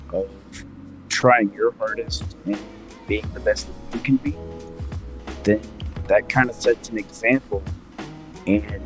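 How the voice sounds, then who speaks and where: A man on an online call, sounding muffled and underwater because he talks from bed without a headset, hesitant and full of fillers. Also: on the low side. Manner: hesitant, many uh and um fillers, restarts. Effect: muffled, underwater-sounding audio. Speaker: panelist giving advice. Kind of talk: casual group chat. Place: in bed at home. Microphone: built-in mic, no headset.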